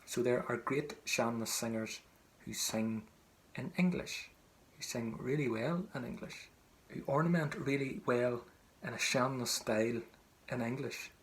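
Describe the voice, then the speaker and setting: A man from County Tyrone, Northern Ireland, speaks with a local accent as a singing teacher, giving a relaxed, conversational lesson and explaining as he goes. His voice is medium-pitched and unhurried, and the audio quality is poor.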